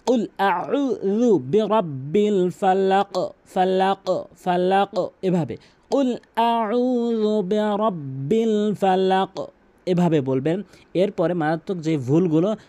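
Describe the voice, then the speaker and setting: A man teaching Quran recitation, repeating words slowly and chanting short verses as examples. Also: sits high, dark tone. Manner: drills pronunciation, repeating words slowly and stressed.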